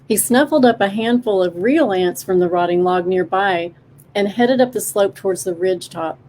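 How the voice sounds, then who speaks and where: Woman narrating a gentle animal story. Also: medium pitch, moderate pace, slight background noise.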